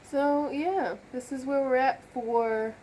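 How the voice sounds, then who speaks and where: A woman's voice: sits high, fairly even intonation, slow, warm tone, a little hiss or hum. A woman chatting in a rambling way with lots of fillers and asides. She is giving a casual vlog update at home. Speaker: vlogger. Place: at home near a bedroom.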